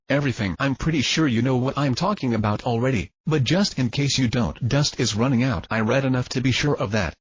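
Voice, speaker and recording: A man with a husky, slightly breathy voice reads an audiobook in a steady first-person storytelling way. The recording is dry with no room sound and a little dull and lo-fi. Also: medium pitch, no echo. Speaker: audiobook reader. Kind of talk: audiobook narration of fan fiction.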